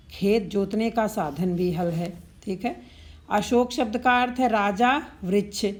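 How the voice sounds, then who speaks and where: Hindi teacher woman drilling word lists. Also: fairly high pitch. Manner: repetitive, drilling word pairs with frequent "ठीक है". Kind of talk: explanatory exam-prep lesson.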